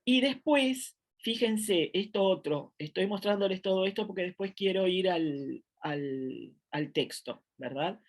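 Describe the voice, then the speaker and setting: A woman's voice: medium pitch, animated, unhurried, few pauses. A middle-aged woman with a Uruguayan accent teaching a grammar lecture from home, thinking aloud with many fillers and restarts. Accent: Uruguayan Spanish. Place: at home, seated in a chair.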